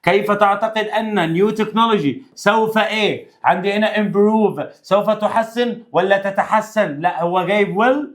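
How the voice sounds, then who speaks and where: A man's voice: high voice, normal speed, few pauses. A man teaching an English grammar revision lesson in Egyptian Arabic, playful and talking straight to his students. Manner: playful, talks to students directly.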